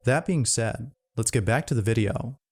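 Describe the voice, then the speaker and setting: A man narrating a scary video compilation in a measured, scripted way. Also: medium pitch, very noisy. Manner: measured storyteller.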